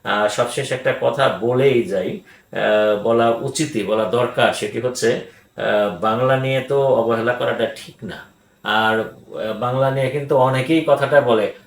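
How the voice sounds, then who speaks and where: An older man giving a grammar lesson, speaking deliberately, repeating words for emphasis and pausing with hesitations. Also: medium pitch. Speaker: grammar teacher. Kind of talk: grammar lecture. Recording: echoey room.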